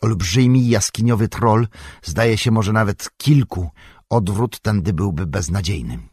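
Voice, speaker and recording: Male reader as old wizard leader, solemn and urgent, low husky voice. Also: lively intonation, unhurried, a little mellow, no echo, studio quality. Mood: grave. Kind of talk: audiobook character reading.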